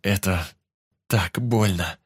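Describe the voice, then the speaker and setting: A man's voice: sits low, takes it slowly, breathy edge, full character voice. Man doing an anguished young hero. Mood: broken despair. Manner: anguished shouting. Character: despairing young male hero, guilt-ridden.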